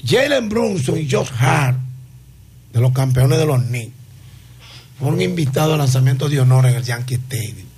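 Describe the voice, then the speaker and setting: Gravelly Dominican man, emphatic radio talk. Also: mid-range voice, animated, normal speed, a little mellow, slight background noise. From Dominican Republic. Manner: emphatic and indignant, pushes his points. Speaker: sports radio co-host. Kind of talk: heated sports radio banter.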